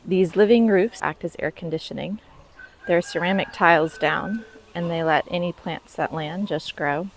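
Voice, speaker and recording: A woman interviews someone outdoors, friendly and engaged. Her voice is slightly low, and crickets chirp faintly around her. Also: moderate pace, slight background noise, rough recording. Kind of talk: on-location interview.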